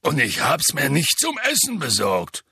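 A man voicing a huge, gruff male half-giant gamekeeper in an audiobook, with a deep, rasping voice and rough, folksy speech. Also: huge pitch swings, unhurried, pushed and bright, dry recording, studio quality, full character voice. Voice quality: deep gravelly rasp. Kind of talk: audiobook character voice.

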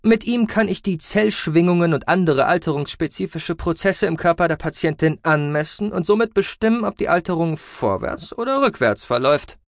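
A man voicing a boastful alien male doctor with a creaky voice, lecturing in an audiobook. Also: a little high, lively intonation, normal speed, hardly any pauses, no echo, studio quality, pitched above the performer's own voice.

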